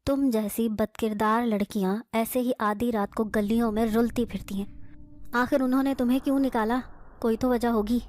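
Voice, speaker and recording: Harsh, slow, scornful young jinn man, as a woman storyteller puts him on, storybook horror voice, somewhat raised pitch. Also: steady tone, a little mellow, lightly acted. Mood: angry. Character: angry reclusive young man, secretly a jinn.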